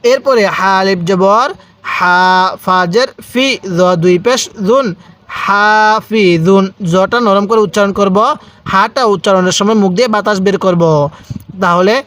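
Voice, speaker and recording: A man's voice: sits high, moderate pace, a bit bright. A man teaching Quran reading from Bangladesh. He spells out letters and vowel marks, stretches the long syllables, and has the listener repeat after him. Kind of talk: step-by-step recitation lesson.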